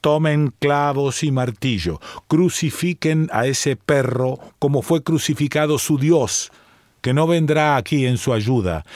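A man's voice: mid-range voice, a little mellow, no echo, clean studio sound, close to an everyday voice. Man reading as a wicked old widow. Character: wicked scheming widow woman.

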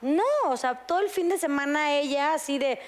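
Gushing high-voiced Mexican woman. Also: moderate pace. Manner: gushing, excitable. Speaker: guest actress. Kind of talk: casual talk show chat.

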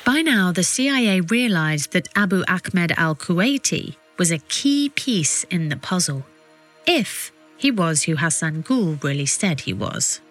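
A woman reading scripted documentary narration as a podcast narrator, with measured, suspenseful storytelling. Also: fairly low pitch, very animated, faint music behind.

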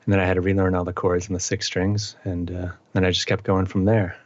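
A middle-aged musician from eastern Massachusetts chats casually as an interview guest, relaxed and rambling with plenty of fillers. His voice is deep and he talks fast, on a dry recording with dull audio.

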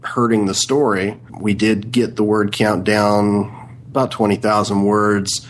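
A man with a gravelly voice, an author chatting casually as an interview guest. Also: fairly low pitch, level tone, unhurried.

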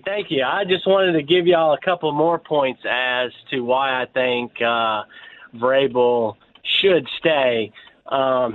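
A man calling in to a sports talk show over the phone, speaking earnestly with some halting fillers. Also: medium pitch. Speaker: caller. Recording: tinny phone line with faint noise.

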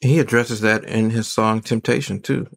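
A man's voice: fairly low pitch, steady tone, moderate pace, vocal fry. A man speaking casually as an interview guest and music fan.

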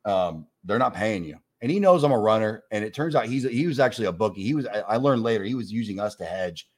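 A man's voice: lowish voice, racing. A man in his forties telling a long anecdote in casual chat, swearing freely and acting out both sides of conversations. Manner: animated storyteller, swears freely, acts out both sides of dialogue. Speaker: guest storyteller. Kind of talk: casual anecdote on a talk show.

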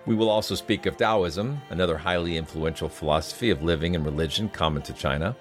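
A man hosting a science podcast, reading scripted introductions and explanations in a measured, explanatory way. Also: on the low side. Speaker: podcast host.

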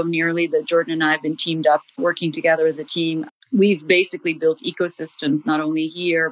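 Lady from india who grew up in morocco, low voice, measured and steady, dry recording. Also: no echo, low-quality recording. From India, raised in Morocco. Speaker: guest, investor. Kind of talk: casual interview talk.

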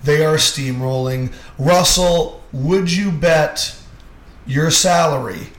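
A man's voice: a little high, slow pace, a bit bright. Man sounding like he's in a cave. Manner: upbeat and wisecracking. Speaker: podcast host. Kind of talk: casual sports podcast chat. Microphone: podcast microphone. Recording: echoey cave-like room sound with faint background hum.

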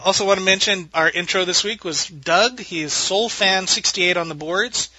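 A man's voice: sits high, normal speed, sharp tone, breathy edge, no echo, highs cut off. A man hosting a roundtable podcast in a casual, chatty style. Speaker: podcast host.

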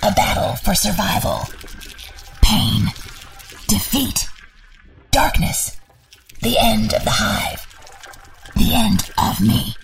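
An actor voicing a menacing, fiercely maternal alien insect hive queen in a creaking hiss, with halting clipped phrases, for a sci-fi audio drama. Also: medium pitch, distant mic, poor audio. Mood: desperate, dying.

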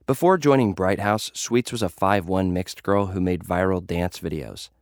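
A young gladiator influencer speaks in a low voice, recorded close with no echo. Jaded and confiding behind a tough front, he tells his own story at a moderate pace through casual, slangy confessions, much like the lead of an audio drama.

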